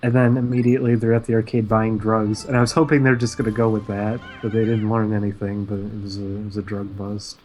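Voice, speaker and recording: A man chatting casually on a stream, retelling a cartoon episode in a rambling way with frequent "uh" pauses. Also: fairly low pitch, level tone, darkish tone, a little hiss or hum, low-quality recording. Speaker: stream co-host. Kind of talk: casual chat recapping cartoons.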